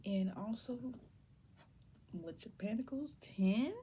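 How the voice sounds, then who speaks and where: A young woman giving a casual tarot reading to viewers, keeping her voice down and slipping between low talk and soft whispers. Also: slow, creaky, a little hiss or hum. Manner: holds her voice down on purpose. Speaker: tarot reader.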